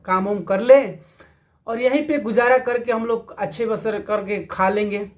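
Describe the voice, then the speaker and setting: A man voicing a loving, worried mother in a spoken story, gentle and pleading. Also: high voice, fairly even intonation, measured pace.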